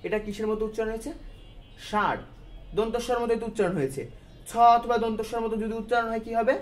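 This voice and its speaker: High-voiced male teacher quizzing his class. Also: quick pace. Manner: explains step by step, asks questions and answers them himself; colloquial, mixes in English words. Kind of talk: grammar lesson for students.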